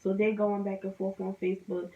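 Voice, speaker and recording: A woman's voice: mid-range voice, little pitch movement, a little fast. A young woman from New Jersey telling a storytime vlog, heated and rambling, often repeating herself. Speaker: vlogger. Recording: roomy, distant, dull sound.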